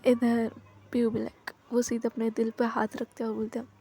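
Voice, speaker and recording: A woman's voice: a little high, completely flat delivery, moderate pace, dark tone, slightly rough. A woman narrating a romance story in a casual, chatty way, often correcting herself as she goes.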